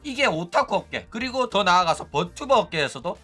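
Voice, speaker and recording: A male streamer gives casual commentary in a high, bright voice that jumps all over its range. He sounds animated and chatty and throws in mocking asides. Faint music plays behind him. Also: a little fast. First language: Korean.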